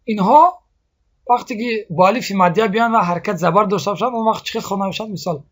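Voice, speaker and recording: High-voiced man teaching letter sounds. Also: fairly bright tone. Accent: Tajik. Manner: repeats example sounds slowly, asks "see?" often. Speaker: Quran recitation teacher. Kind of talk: explaining a lesson on vowel sounds.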